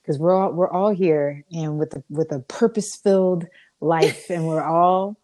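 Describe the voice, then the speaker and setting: A woman's voice: low voice, measured pace, mellow. A woman co-hosting a podcast, speaking earnestly and reflectively in casual chat. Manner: earnest and reflective, with frequent restarts and laughter. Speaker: podcast co-host and radio host.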